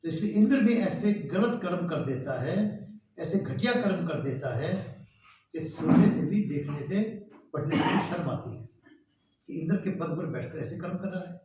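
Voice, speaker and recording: A man's voice: on the high side, lively intonation, moderate pace, a little mellow, slight background noise. A man giving an earnest moral lecture to a gathering in a large hall, posing rhetorical questions. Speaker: speaker addressing a cultural meeting. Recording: echoey hall, distant mic, dull sound.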